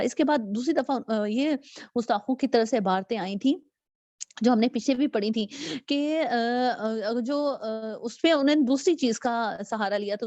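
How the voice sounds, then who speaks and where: A woman's voice: a little high, a little mellow, dry recording. A woman giving a religious lecture, explaining step by step and reading scripture translations aloud with hesitant fillers. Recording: dull, dry lo-fi recording.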